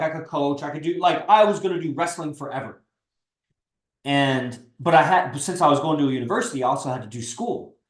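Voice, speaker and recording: Male host, 30s, blunt persuasive pep-talker, slightly high-pitched, roomy sound. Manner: blunt, persuasive, swears freely. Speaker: stream host and coach. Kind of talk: casual livestream pep talk.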